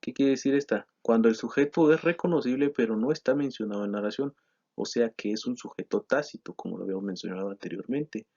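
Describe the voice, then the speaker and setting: A man's voice: mid-range voice, fast talker, creaky. Man explaining grammar. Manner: steady explanatory delivery with frequent "eh" and self-corrections. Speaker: teacher presenting a grammar lesson. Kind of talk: explanatory lesson reading from slides. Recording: slightly dull lo-fi sound.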